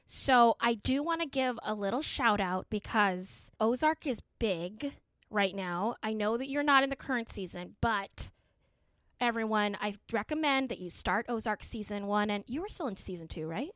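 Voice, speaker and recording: A woman's voice: medium pitch, lively intonation, moderate pace, a bit bright, dry recording. A woman hosting a podcast, chatting casually with her guest in an enthusiastic, talkative way. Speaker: podcast host. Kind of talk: casual interview chat.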